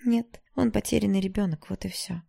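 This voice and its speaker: A woman voicing a forgiving middle-aged mother who speaks softly and tiredly in an audiobook. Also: medium pitch, a little fast, creaky, voice pushed up. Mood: weary. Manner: soft, tired, soothing.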